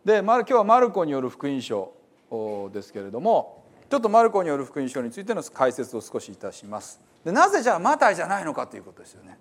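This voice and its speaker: A man's voice: fairly high pitch, huge pitch swings, fast talker. A middle-aged male pastor from Hiroshima with a Hiroshima accent, giving a chatty, self-deprecating sermon introduction with frequent fillers. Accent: Hiroshima Japanese. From Hiroshima, Japan.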